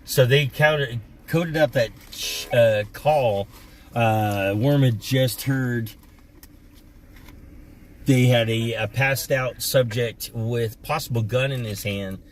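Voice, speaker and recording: A man hosting a casual livestream from inside a car, telling animated, joking stories. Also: medium pitch, slow. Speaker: livestream host. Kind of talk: casual chat while driving. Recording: distant mic, car road noise.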